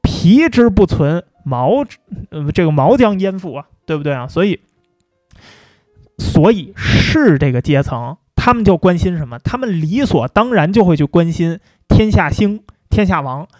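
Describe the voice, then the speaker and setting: Brief: male livestream host, high voice, dry close recording, joking and chatty. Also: a little mellow, no room sound. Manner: chatty, jokey, colloquial. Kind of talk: casual philosophy talk.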